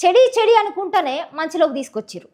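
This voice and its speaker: This outspoken guest, a social media personality from a Telangana village, talks with a Telangana Telugu accent in frank interview conversation. Her very high-pitched voice is fast and animated yet carries a darkish tone, and she sounds blunt and impassioned.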